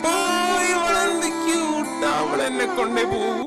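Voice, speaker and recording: A woman's voice: high-pitched, measured pace, loud music behind the voice. A young woman, voicing a teasing, playful young man in an amateur fan dub.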